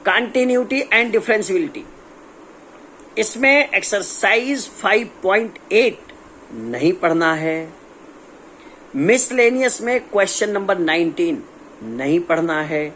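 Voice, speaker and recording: A man's voice: high voice, lively intonation, slow pace, a bit bright, slight background noise. A man with an Indian accent, a young adult maths teacher giving a casual exam-prep lesson, chatty and teasing, asking students' questions himself.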